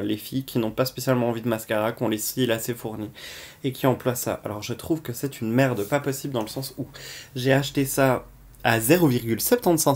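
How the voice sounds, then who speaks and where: A man giving a casual makeup product review as a vlogger, chatty and blunt with frequent hesitations. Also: medium pitch. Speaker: beauty vlogger.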